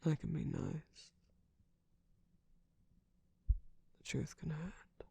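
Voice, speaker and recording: A man voicing a sly, distrustful jester cookie villain in an intimate ASMR roleplay, teasing and theatrical in a breathy, husky, often whispered voice close to the microphone. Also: on the high side, fairly even intonation, measured pace, warm tone, dry recording, heavily acted. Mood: grudging, confiding. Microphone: close-up microphone, dry.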